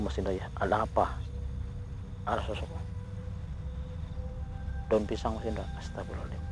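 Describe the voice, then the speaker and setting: A man hosting a ghost-hunting video, talking in a hushed voice outdoors at night, often murmuring prayers and speaking to his companion. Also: lowish voice. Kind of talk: hushed on-the-spot narration. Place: outdoors at night near a ravine.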